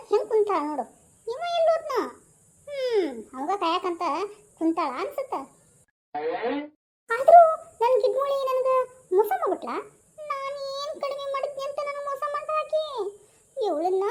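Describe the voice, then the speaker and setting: A woman's voice: extremely high pitch, big pitch swings, normal speed, pauses often, darkish tone, rough recording. Woman doing a grumbling jealous husband.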